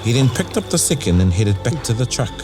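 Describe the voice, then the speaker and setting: Deliberate New Zealand man narrating over music. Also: medium pitch, very animated. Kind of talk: scripted story narration.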